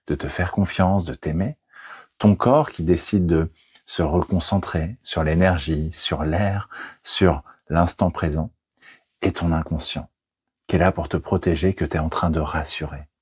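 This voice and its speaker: A man leading a guided hypnosis session in a soothing, deliberate manner, as a trainer speaking into a close microphone. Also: extremely low pitch, a little mellow, breathy edge, dry recording. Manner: soothing, slow, deliberate guiding delivery.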